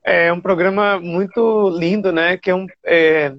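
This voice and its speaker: A TV presenter from Bahia, telling stories animatedly with fillers and restarts. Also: male voice, sits high, steady tone, unhurried, dry recording, highs cut off. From Bahia, Brazil. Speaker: TV show presenter. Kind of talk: casual storytelling interview.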